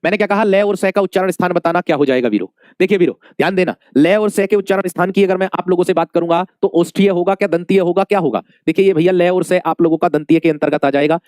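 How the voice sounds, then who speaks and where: A man's voice: high voice, fast talker, hardly any pauses, darkish tone, smooth, dry recording, studio quality. A male Hindi teacher giving an exam-prep lesson, calling his students dear friends, asking questions and repeating the answers many times.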